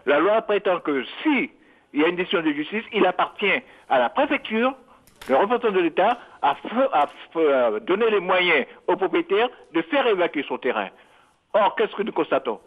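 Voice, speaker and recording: A man's voice: high-pitched, very animated, moderate pace. A man phoning a live show to put a question, formal and rhetorical, repeating words as he hesitates, over a telephone. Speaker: phone-in caller. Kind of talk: putting a question live on air. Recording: dull band-limited phone call.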